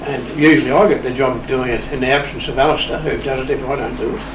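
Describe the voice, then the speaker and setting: Here a man of medium pitch and fairly even intonation tells stories at a quick pace, informally, as a guest on a radio club interview. An echoey room, a distant mic and clear noise mark the recording.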